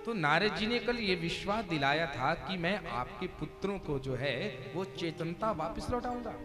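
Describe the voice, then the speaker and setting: A man's voice: high-pitched, animated, normal speed. A male Bhagavata katha preacher giving a devotional sermon to a seated audience, jovial and teasing as he commands them to chant and sit still. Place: religious gathering before a seated audience. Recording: live recording with loud devotional music.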